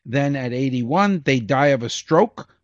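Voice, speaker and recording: A man's voice: mid-range voice, lively intonation, a little slow, no echo. A man co-hosting a comedy podcast, cracking jokes and laughing at his own puns. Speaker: podcast co-host. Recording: dull lo-fi podcast audio.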